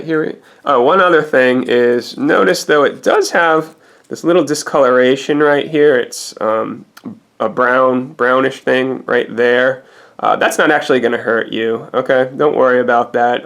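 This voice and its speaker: A man's voice: medium pitch, gravelly, a bit bright. A man giving a casual product review as a food reviewer, in a rambling, hesitant, minutely detailed way.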